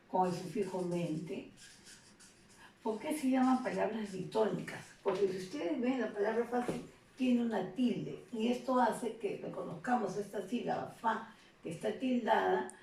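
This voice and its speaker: A woman's voice: mid-range voice, vocal fry, warm tone, recorded from a distance. A woman gives a lesson as a teacher. She explains step by step and often checks in with tag questions. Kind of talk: recorded classroom lesson. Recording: echoey room, voice off-mic, faint noise.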